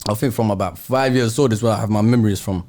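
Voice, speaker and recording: A man's voice: fairly low pitch, fast, a little mellow. A young man from East London, born in Finland, chatting as a podcast guest in loose street slang with a London accent. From born in Finland, raised in East London. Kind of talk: casual chat.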